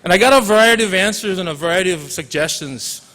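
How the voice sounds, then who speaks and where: Speaking quickly and with animation, a man in his forties from Hawaii, a teacher with a Hawaiian accent, delivers a laid-back graduation speech with joking asides and some Pidgin. His voice is high and sharp-toned, and the large hall makes the recording reverberant.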